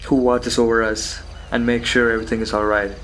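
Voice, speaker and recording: Guy rambling philosophically by himself, halting and musing, mid pitch, faint noise with crickets behind him. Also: level tone, a bit bright. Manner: musing, halting, rhetorical questions and repeated phrases. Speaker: solo host of a philosophical talk. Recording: background noise with insect and cricket sounds.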